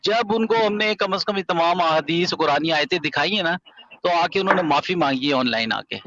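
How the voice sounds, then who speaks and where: A man argues his case at length in an online debate, his pitch a little raised. His voice comes through muffled call audio that sounds dull and lo-fi. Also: normal speed, bright, forceful tone. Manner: argumentative, explains at length. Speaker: debate guest.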